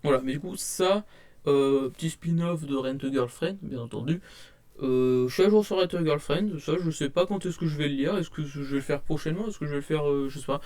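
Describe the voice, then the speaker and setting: Young male vlogger at a desk webcam, slightly high voice, rambling and hesitant, shy. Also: a little fast, darkish tone. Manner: rambling, hesitant, many fillers and restarts; self-described shy. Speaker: manga collector showing purchases. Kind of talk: casual haul vlog to camera. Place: at home at a desk.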